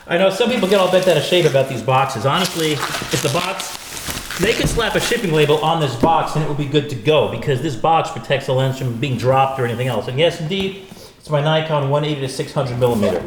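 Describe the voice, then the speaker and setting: A man's voice: a little high, lively intonation, brisk. A chatty man from the United States hosting a casual unboxing, exclamatory and wisecracking, recorded in stereo in a reverberant room. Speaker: host and gear reviewer. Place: untreated echoey room indoors. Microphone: stereo pair of studio microphones. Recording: big echoey room, clear reverb, faint noise.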